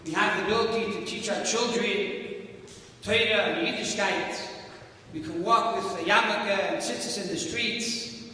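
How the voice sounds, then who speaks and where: A man's voice: high voice, sharp tone, a little hiss or hum. A man giving an earnest, storytelling speech at a fundraising event, recorded in a large hall from far off. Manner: earnest storytelling, slow and deliberate. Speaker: event speaker.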